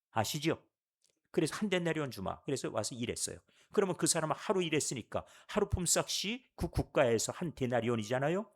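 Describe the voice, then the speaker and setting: A male pastor giving a sermon at a Friday church service, asking the congregation question after question. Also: fairly high pitch. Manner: animated, rhetorical questions to the congregation.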